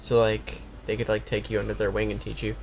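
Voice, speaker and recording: A man's voice: on the low side, completely flat delivery, fairly quick. A young man co-hosting a casual gaming chat, rambling with lots of likes and restarts. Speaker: co-host.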